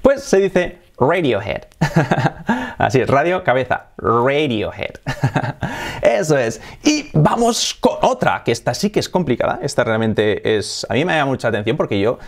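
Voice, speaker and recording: A man's voice: a little high, very animated, moderate pace. A man from Spain with a Spanish accent, teaching English pronunciation in a casual, playful video lesson. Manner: laughs often.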